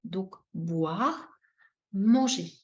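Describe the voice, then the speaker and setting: A woman leading a live teaching demonstration on a video call, animated and demonstrative, repeating key words and acting out short example phrases with expressive intonation. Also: mid-range voice, very slow. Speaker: webinar trainer teaching baby signs. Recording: dull lo-fi webinar audio.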